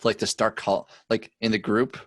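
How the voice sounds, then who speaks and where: A man's voice: fairly low pitch, little pitch movement, normal speed, a bit bright, no room sound. A young man co-hosting a podcast, telling a story in casual chat with lots of fillers and cursing. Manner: rambling storyteller with filler words and profanity. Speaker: podcast co-host.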